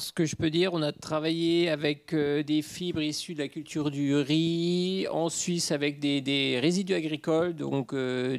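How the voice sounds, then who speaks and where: A man's voice: a little high, gravelly. A man giving an unscripted technical explanation at a panel in a matter-of-fact way. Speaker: panel speaker on materials research.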